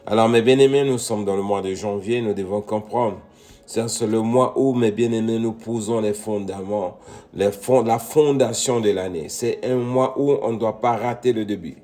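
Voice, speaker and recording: Addressing his listeners as "mes bien-aimés" and punctuating points with "Amen," a middle-aged preacher from Congo builds toward emphatic peaks. He speaks at normal speed in a lowish, mellow voice.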